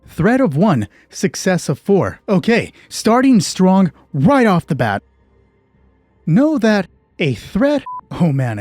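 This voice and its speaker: Hosting a solo tabletop roleplaying game, a man narrates the story and explains the rules in a conversational way, thinking aloud and poking fun at himself. His voice is medium-pitched and a little mellow, with no echo.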